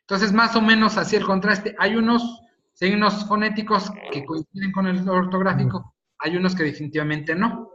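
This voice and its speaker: A man's voice: high voice, fairly even intonation, normal speed, pushed and bright. A man teaching a phonetics lesson over a video call, explaining patiently and checking in with his listeners. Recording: slightly dull video call audio, faint noise.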